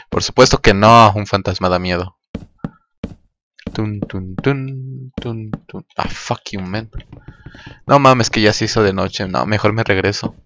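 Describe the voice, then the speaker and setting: Low-voiced profane Mexican gamer. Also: male voice, a bit bright, a little hiss or hum. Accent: Mexican Spanish. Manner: rambling, profane, chatting to viewers; hums and mouths rhythmic noises while working. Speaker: gaming channel host. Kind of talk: casual gameplay commentary.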